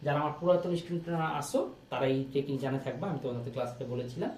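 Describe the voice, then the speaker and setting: A young male teacher, giving a lively exam-prep lesson and repeating questions to his students. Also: mid-range voice, racing, distant mic, a little hiss or hum. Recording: echoey room, off-mic.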